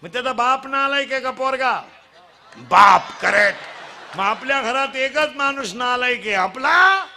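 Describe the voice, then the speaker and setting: A middle-aged man preaching a comic devotional kirtan, teasing children and drilling them in loud call-and-response. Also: extremely high pitch, expressive, moderate pace, hardly any pauses, a little hiss or hum.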